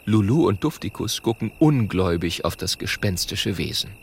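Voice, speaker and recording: A man reading a children's story aloud in an animated, expressive way. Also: low-pitched, normal speed, gravelly, a little hiss or hum. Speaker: narrator.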